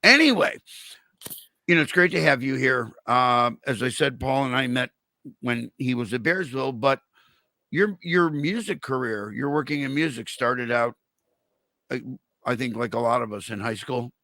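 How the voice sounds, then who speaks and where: An older man hosting a casual interview, talking haltingly with speech impeded by a swollen mouth. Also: medium pitch, pushed and bright, no room sound. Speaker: interview show host. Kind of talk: casual chat.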